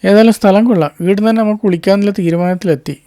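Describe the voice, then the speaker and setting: A man's voice: high-pitched, rapid-fire, mellow, slight background noise. A man with a Malayali accent casually narrating his travel vlog outdoors. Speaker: vlogger. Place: outdoors by a river.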